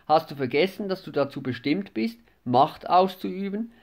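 A man's voice: on the high side, animated, moderate pace. A man voicing a mocking, scornful male tempter in an audiobook. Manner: mocking, taunting.

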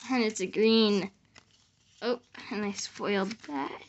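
A woman's voice: mid-range voice, takes it slowly, highs cut off. A woman giving casual commentary as she hosts a card-opening vlog. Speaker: card-opening video host. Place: small indoor room at home. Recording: clearly noisy, card wrapper crinkling. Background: noise, crinkling and clicks of card packs.

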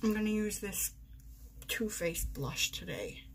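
A bedroom makeup vlog comes from a woman in her forties who chats casually, pokes fun at herself, and narrates each step on camera. Her mid-range voice is expressive and measured, with slight background noise.

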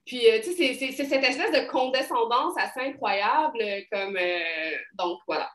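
A woman's voice: on the high side, expressive, normal speed, a bit bright, reverberant, slight background noise. A woman with a Québécois French accent, answering interview questions in a rambling, casual way with many fillers. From Quebec. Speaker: poet, interview guest.

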